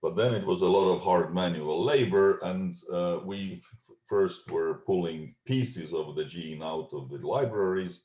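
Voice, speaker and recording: A middle-aged man with an Estonian accent giving a scientific talk over a video call, measured and full of ums and uhs. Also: low voice, mellow. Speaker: genetics researcher giving a talk. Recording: echoey room.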